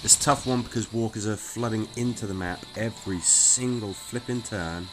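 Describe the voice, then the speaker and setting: A man's voice: lowish voice, steady tone, moderate pace, background noise. A man chatting casually as he plays a strategy game, thinking aloud with small restarts. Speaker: gaming streamer. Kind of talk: casual let's-play commentary. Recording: game music playing behind.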